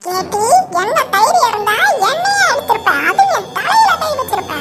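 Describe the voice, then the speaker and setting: Woman voicing a defiant quarrelsome cartoon woman; very high pitch, loud music bed behind. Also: very animated, normal speed. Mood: fighting. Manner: defiant, taunting retorts. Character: rude newcomer woman, adult, defiant and quarrelsome. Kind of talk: cartoon dub voice acting. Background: loud background music.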